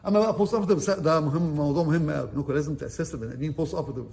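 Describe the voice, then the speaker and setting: A fast-talking Egyptian man with a slightly high voice lectures interns as their surgeon. He quizzes the room and switches between Arabic and English terms. The recording is roomy and echoey, with faint ambience underneath. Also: gravelly, darkish tone, slight background noise. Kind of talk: orientation lecture.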